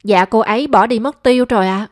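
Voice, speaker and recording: A woman's voice: fairly high pitch, fast, no room sound, lightly acted. A woman voicing a timid young housemaid who answers meekly and politely, in a dry close recording. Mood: flustered.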